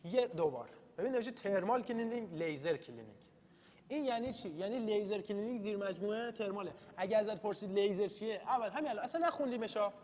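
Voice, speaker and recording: Chatty high-voiced male lecturer. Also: lively intonation, darkish tone. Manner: chatty and self-deprecating, mixing in read-out English terms. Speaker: university lecturer. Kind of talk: informal study-session lecture. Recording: reverberant room, faint background noise.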